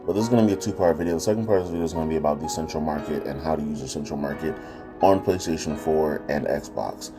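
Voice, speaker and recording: A man hosting a casual walkthrough of a game app, talking loosely with frequent ums and self-corrections, his voice captured as low-quality phone audio. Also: fast talker. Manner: loose and chatty, frequent ums, corrects himself mid-sentence. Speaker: gaming channel host. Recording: low-quality phone recording with guitar music behind.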